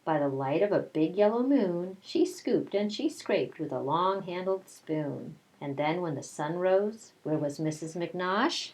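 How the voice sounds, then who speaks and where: Her voice sits on the low side, slightly mellow, with lively intonation and few pauses at a measured pace, captured in poor audio. As a kindergarten teacher, she reads a picture book aloud to young children and chats with them conversationally between passages.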